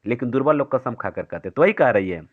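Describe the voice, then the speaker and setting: Male teacher, poetry lesson, asks and answers himself, slow verse recitation, mid pitch, lo-fi. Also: expressive. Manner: explains step by step, asks and answers own questions; recites verse slowly and haltingly. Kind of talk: Hindi poetry lesson for board exam students.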